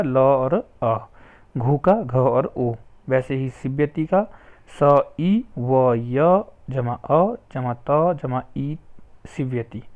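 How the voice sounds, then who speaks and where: Man, patient Sanskrit teacher, slow, spells letter by letter, tinny phone-like sound. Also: mid-range voice. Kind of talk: slow explanatory lesson narration.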